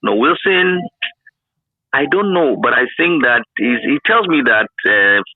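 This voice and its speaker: A middle-aged Ghanaian man, once a radio broadcaster, reminisces in a casual interview, often repeating words for emphasis. His mid-range voice has a sing-song lilt and a measured pace, heard over a narrow, phone-like line.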